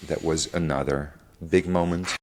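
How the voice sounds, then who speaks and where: Deep-voiced man telling a painful story. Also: steady tone, a little mellow, a little hiss or hum. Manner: halting, with restarts and fillers. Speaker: podcast guest sharing his family story. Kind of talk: candid interview talk.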